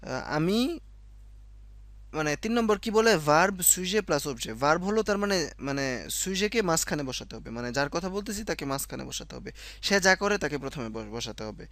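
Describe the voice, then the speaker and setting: A man's voice: on the high side, animated, moderate pace, fairly bright tone, no room sound. A man teaching French in a casual spoken lesson, explaining step by step and correcting himself often. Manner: explains step by step, repeats himself, many fillers and self-corrections.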